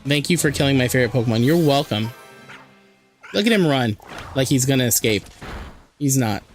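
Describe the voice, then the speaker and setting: A man streaming a video game with a hoarse, sore throat, chatting and joking with his viewers over faint music. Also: mid-range voice, lively intonation, fairly quick. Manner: chatty, joking, reads and answers chat. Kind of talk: casual live-stream chat while playing.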